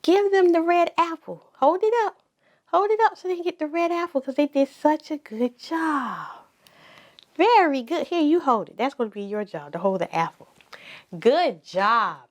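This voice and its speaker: A woman's voice: sits high, lively intonation, moderate pace. A woman hosting a kids show, speaking in an encouraging sing-song way to small children, with simple, repeated phrases. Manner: enunciates simply with repetition. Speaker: children's circle time host. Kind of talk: kids show host, teaching preschoolers.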